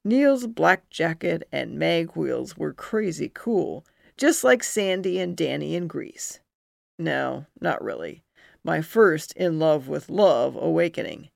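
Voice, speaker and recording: Middle-aged woman, memoir reader: heavy vocal fry, lively low voice, unhurried, dry close sound. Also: dry recording. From New Jersey. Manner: slow and expressive, swinging into high bursts for remembered feelings. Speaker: memoir narrator. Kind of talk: first-person memoir reading.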